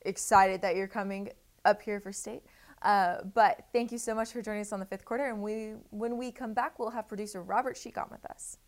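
A woman's voice: medium pitch, fairly even intonation, fairly quick. Chatty woman sports show host. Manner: bubbly, stumbles over words, self-correcting. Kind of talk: casual sports talk.

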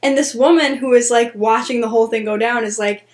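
A woman's voice: on the high side, fairly even intonation, a little fast. A woman in her twenties, a podcast co-host, telling a work story in casual chat and laughing often. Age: 20s. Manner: giggly, laughs often while telling stories.

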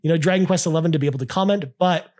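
A man's voice: fairly high pitch, very fast, darkish tone. A man co-hosting a casual gaming podcast, reading out listener comments with lots of enthusiastic restarts. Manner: enthusiastic, many restarts and "I mean". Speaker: podcast co-host.

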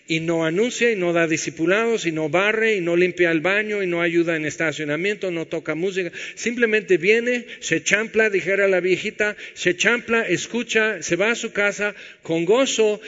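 A man's voice: high voice, a bit bright. A man preaching a conversational sermon, firing rhetorical questions and acting out what people say. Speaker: pastor. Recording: dull sound in a reverberant hall.

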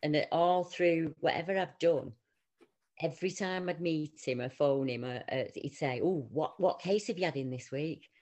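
A woman's voice: sits low, moderate pace, a little mellow. A woman, chatting casually and telling family stories, acting out her relatives' voices. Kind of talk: casual chat.

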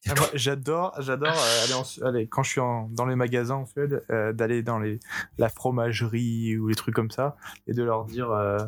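A man's voice: medium pitch, steady tone, normal speed, background noise. A man from France co-hosting a podcast, chatting casually and joking with frequent laughs. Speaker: podcast co-host. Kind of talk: casual chat. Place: home in Sweden.

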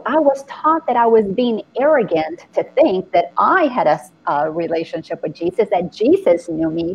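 A middle-aged woman from the Dominican Republic, hosting a spiritual conversation and telling her story with earnest, animated feeling. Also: a little high, slightly rough, highs cut off.

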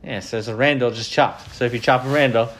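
A man's voice: mid-range voice, steady tone, fast talker, a bit bright, poor audio. A man hosting a casual podcast chat with profane, laid-back frat-bro slang. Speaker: podcast host.

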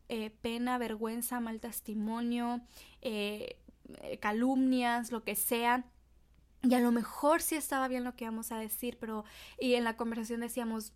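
Earnest woman giving a devotional talk. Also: on the high side. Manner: earnest and encouraging, addressing listeners directly. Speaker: podcast host.

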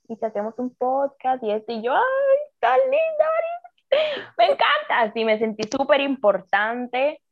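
A woman's voice: fairly high pitch, highs cut off. A young woman with a coastal Colombian Spanish accent chats casually as a podcast guest, rambling and exclaiming as she goes. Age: young adult.

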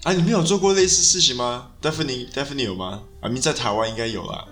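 Bright-voiced man chatting. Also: medium pitch, brisk, faint music behind. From Taiwan. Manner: frequent restarts, mixes in English phrases. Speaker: podcast host. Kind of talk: casual podcast chat.

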